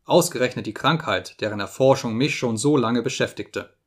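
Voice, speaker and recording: A man reading an audiobook, voicing a cruel, mocking visitor who taunts a sick man in a sharp tone. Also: medium pitch, normal speed, natural voice. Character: sneering sinister male visitor, mocking and cruel.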